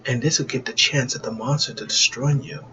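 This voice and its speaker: Man as calm mystic guardian; low, hushed, lo-fi. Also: brisk, slight background noise, natural voice. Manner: low, hushed, half-whispered. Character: mysterious elder male guardian, calm.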